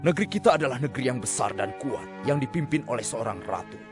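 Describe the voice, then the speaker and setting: Aktor memerankan penasihat istana yang angkuh dan berapi-api. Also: male voice, medium pitch, expressive, fast, natural voice. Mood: eager, boastful. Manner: formal, emphatic, oratorical. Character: hawkish, proud royal adviser to a queen. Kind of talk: dubbed animated religious story acting. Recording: loud music under the voice.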